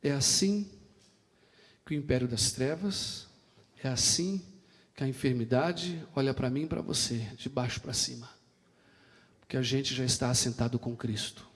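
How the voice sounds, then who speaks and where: A man's voice: mid-range voice, normal speed, long pauses. A man preaching a sermon with a Brazilian Portuguese accent, telling stories and acting out their dialogue with passion. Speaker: pastor. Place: church sanctuary. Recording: long hall reverb in a church.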